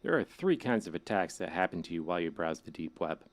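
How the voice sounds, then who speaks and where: Man voicing a male hacker guide, deep pitch, casual, ominous, wry, instructional, horror game tutorial narration. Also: big pitch swings, fast. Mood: instructive, casual.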